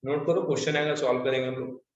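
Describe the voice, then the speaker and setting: Here the male maths teacher talks fast at a medium pitch, his intonation fairly even. As he lectures, he repeats the important terms and keeps asking students whether they understand; the audio is distant, echoey and muffled.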